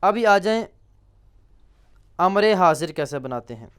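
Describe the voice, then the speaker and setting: A man teaching a grammar lesson, slowly reciting verb forms and asking and answering his own questions. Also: high-pitched, animated, fairly bright tone, clear, resonant tone. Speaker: teacher of Arabic morphology.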